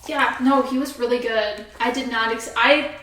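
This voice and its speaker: A woman's voice: fairly high pitch, fairly even intonation, moderate pace, a bit bright, recorded from a distance. A young woman co-hosting a podcast, laughing often and swearing casually. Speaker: podcast co-host. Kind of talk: casual chat. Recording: echoey room, off-mic, faint ambience.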